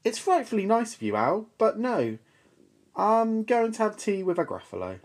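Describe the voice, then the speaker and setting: A woman voicing a small, plucky, boastful mouse in a storybook, brisk and emphatic in a cheeky way. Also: mid-range voice, big pitch swings, darkish tone, voice pushed up. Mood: polite, cheeky.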